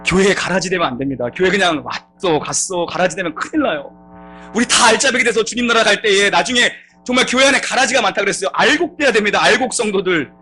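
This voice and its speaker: High bright-voiced male pastor preaching. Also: quick pace, slight background noise. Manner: chatty storytelling building to loud preaching. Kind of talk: sermon with humorous anecdote. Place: church sanctuary.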